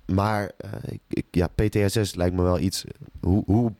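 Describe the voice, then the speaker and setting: A man's voice: deep voice, steady tone, normal speed, dark tone, no echo. A male podcast host who asks hesitant, stumbling questions full of fillers. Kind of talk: interview questions.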